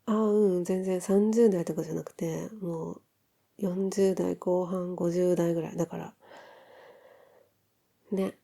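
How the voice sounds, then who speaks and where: A woman playing an affectionate newlywed wife in an ASMR role-play of intimate pillow talk, soft, breathy and musing. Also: fairly low pitch, steady tone, measured pace, pauses often. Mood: intimate, reflective. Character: affectionate newlywed wife chatting softly in bed.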